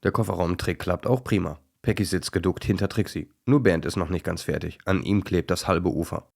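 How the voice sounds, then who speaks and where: Male narrator, very low voice, gentle bedtime-story reading. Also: brisk, creaky.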